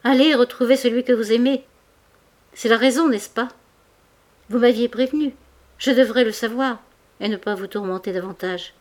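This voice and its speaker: A woman's voice: medium pitch, little pitch movement, brisk, hardly any pauses, close to an everyday voice. A woman reading as an impassioned wealthy store owner. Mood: despairing. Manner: impassioned, tearful outbursts.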